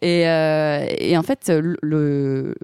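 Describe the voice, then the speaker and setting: A man on a casual talk show, calmly giving historical facts. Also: fairly high pitch, very slow, clear, resonant tone, dry recording, clean studio sound. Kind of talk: casual podcast chat.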